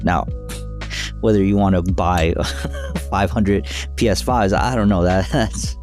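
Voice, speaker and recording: A man's voice: low voice, fairly even intonation, slow, over music. A man chatting easily on a podcast, chuckling between thoughts. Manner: easygoing, laughs often. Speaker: podcast co-host. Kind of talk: casual podcast chat.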